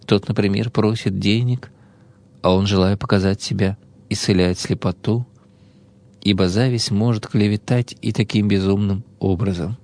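A man solemnly reading the Gospel and its commentary in a measured, intoning way. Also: on the low side, fairly even intonation, a little mellow, no echo. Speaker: Orthodox reader of scripture and commentary.

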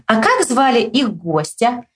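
A woman teacher reading a children's story aloud with lively expression, acting out the shouts, then quizzing a pupil. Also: a little slow. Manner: acts out the boy's shouts with big jumps in pitch. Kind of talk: expressive read-aloud with quiz questions.

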